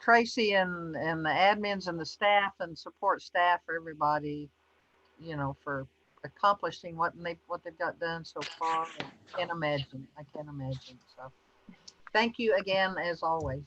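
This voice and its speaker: A woman's voice: low-pitched, normal speed, fairly bright tone. A woman speaking informally as a board member in an online meeting, on lo-fi audio.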